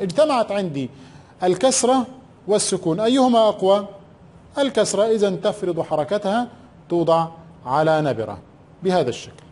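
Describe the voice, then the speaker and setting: Male primary teacher, high voice, recorded lesson, answers his own questions, drawls key words. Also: darkish tone. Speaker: primary school Arabic teacher.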